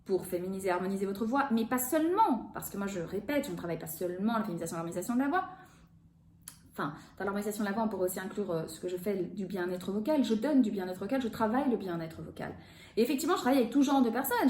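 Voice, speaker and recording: A woman in her forties, a voice therapist explaining a topic to viewers in an expressive, animated way. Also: fairly high pitch. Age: 40s. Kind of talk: educational video talk. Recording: echoey room.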